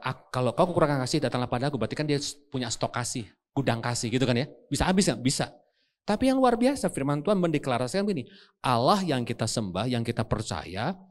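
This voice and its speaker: A man with an Indonesian accent preaching a sermon as pastor, telling stories with acted quotes and asking the congregation questions. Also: mid-range voice. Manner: lively storytelling with acted quotes and rhetorical questions. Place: church service.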